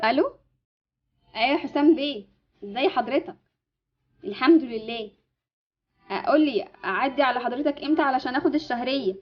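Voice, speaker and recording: A woman's voice: sits high, fast talker, pauses often, lo-fi sound. A woman with an Egyptian accent playing a loving, humble mother in an amateur game animation. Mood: polite. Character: loving, grateful, poor mother.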